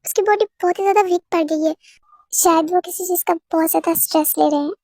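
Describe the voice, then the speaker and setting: A firm woman doctor, as a reader puts her on delivers her warning in a stern, matter-of-fact way. The voice is very high, and the sound is dry and close. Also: fast, darkish tone, dry recording.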